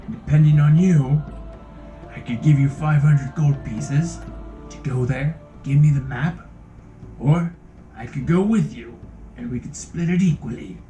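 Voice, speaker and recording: A silver-tongued drifter with an accent that won't settle, sliding from cowboy drawl into Scottish and Irish lilts, as a man puts him on while running a tabletop game. He flatters and sells hard, pitched a little above a plain speaking voice. The room around him is roomy and echoey. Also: measured pace, pauses often, soft background music, close to an everyday voice. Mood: persuasive. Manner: persuasive, flattering sales pitch. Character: smooth-talking male treasure-hunting drifter.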